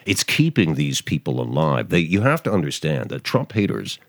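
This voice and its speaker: A low-voiced man hosts his daily podcast with a lively, swooping delivery. He rambles sarcastically, restarting sentences and tossing in fillers. The sound is dry and close to the mic. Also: moderate pace, no room sound. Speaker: podcast host. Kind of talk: opinionated talk podcast monologue.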